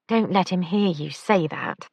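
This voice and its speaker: A woman's voice: fairly low pitch, a little slow, gravelly, a little mellow, husky, no room sound, exaggerated voice. A woman voicing a careful young female pastry chef with dry humour in an audiobook.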